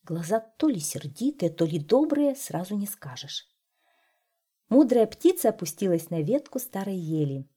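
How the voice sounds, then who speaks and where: A woman narrating a children's fairy tale in a gentle, expressive way. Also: mid-range voice, moderate pace, husky. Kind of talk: storybook narration.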